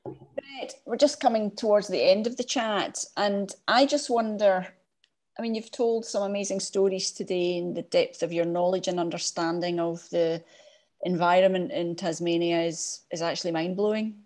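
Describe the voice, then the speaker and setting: A woman's voice: fairly low pitch, steady tone, moderate pace. Woman hosting a video call chat. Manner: warm, appreciative, with fillers. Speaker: host.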